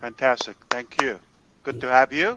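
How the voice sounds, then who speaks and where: A man's voice: medium pitch, fairly quick, bright, forceful tone, a little hiss or hum, low-quality recording. A man hosting an online team meeting, upbeat and introducing people with many filler uhs over a video call.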